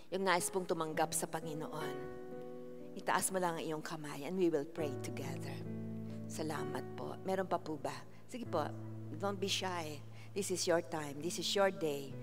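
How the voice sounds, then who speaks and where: A woman pastor with a Filipino accent, preaching in a casual mix of Tagalog and English and calling on the congregation for amens. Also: sits low. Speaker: senior pastor. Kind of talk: sermon with congregational worship. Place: large church hall. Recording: church hall reverb.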